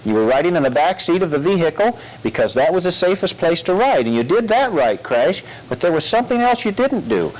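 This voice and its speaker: A man's voice: a little high, big pitch swings, fairly quick, few pauses, darkish tone. A man, a police officer, giving a safety talk to schoolchildren as the patient straight man to a ventriloquist dummy. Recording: noisy recording with crowd. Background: children's crowd.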